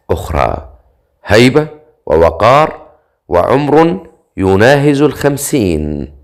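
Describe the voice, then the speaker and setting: A male audiobook narrator reading a dark fantasy novel. His voice sits fairly low, and he paces the story with measured, dramatic pauses.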